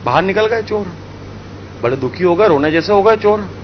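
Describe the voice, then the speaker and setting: A man from India telling a spiritual story in an animated way, acting out the characters. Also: high voice, normal speed, lo-fi sound, slight background noise. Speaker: spiritual speaker. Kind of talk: storytelling talk.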